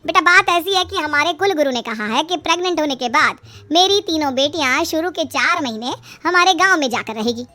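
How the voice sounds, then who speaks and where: Woman acting a high-voiced scheming mother-in-law. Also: lively intonation, a little fast, pushed and bright. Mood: coaxing, scheming. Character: scheming middle-aged mother-in-law, sweet-talking and long-suffering. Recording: music behind the voice.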